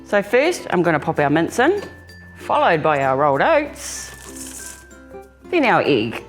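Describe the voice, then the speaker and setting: A woman's voice: fairly low pitch, very animated, slow pace, faint music behind. A woman with a New Zealand accent hosting a home cooking demonstration, talking casually and informally to viewers as if they were family. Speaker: home cooking show host.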